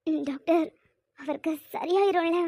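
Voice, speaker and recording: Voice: very high voice, unhurried, darkish tone, no room sound, studio quality. A performer voicing an anxious, caring young woman, an older sister, who talks in a worried, tearful, pleading way.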